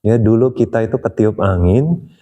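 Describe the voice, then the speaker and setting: Man doing a polite welcoming bird, low warm voice, gentle storybook manner. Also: normal speed, long reverb tail, lo-fi sound, close to an everyday voice. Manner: courteous, welcoming.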